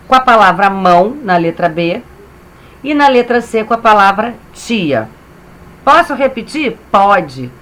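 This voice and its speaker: Slow-paced Brazilian woman teacher. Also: medium pitch, very animated, a bit bright. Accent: Brazilian Portuguese. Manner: slow, sounds out syllables clearly. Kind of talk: reading lesson for young children. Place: home, reading from a computer.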